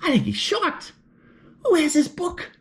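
A very high, very animated woman's voice, a bit bright and unhurried, reads a children's picture book aloud. She gasps with surprise and asks questions of her audience as the pages turn.

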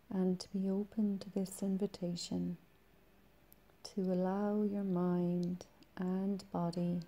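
Slow and unhurried, with long gaps between phrases, this woman's meditation guidance comes in a soothing, breathy, soft voice. Its tone is very dark and relaxed, and her pitch barely moves.

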